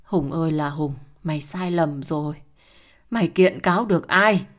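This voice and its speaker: A woman's voice: low-pitched, moderate pace, close to an everyday voice. A woman doing a pleading old grandmother. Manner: pleading, tearful.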